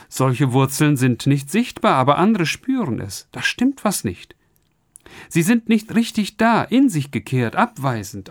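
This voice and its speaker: Male radio preacher, earnest and direct, voice pitched a little high, dry studio sound. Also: no echo. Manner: earnest, addresses listeners directly. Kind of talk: radio sermon.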